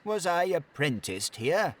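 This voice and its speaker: An audiobook narrator voicing an old male miser who exclaims with excitement and fondness. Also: mid-range voice, takes it slowly. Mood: excited, fond. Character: old male miser, reliving his youth. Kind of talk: audiobook character voice.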